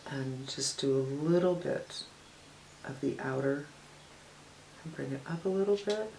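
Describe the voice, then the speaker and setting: An older woman with a low-pitched voice talks through a makeup tutorial in a relaxed, conversational way. She judges each product plainly and matter-of-factly. A faint hiss sits under the recording. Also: measured pace, creaky, rough recording. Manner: frank, matter-of-fact product critique. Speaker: beauty vlogger. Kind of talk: casual makeup tutorial narration.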